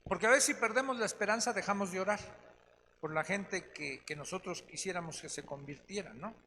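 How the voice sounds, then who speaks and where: A man's voice: high-pitched, fairly quick, pushed and bright. A man, a pastor teaching a Bible study in a chatty way that keeps checking in with his listeners. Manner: chatty, tags lines with "¿no?" and "¿sí?". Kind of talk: conversational Bible study preaching. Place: church meeting hall. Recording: echoey hall with faint noise.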